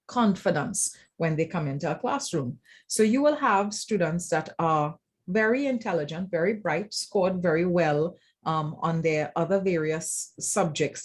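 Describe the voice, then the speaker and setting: Her voice is lowish and darkish in tone, carrying a Trinidadian accent. A lecturer in academic writing from Trinidad and Tobago, she sits on an informal roundtable panel, reflecting as she explains and regularly asking "right?".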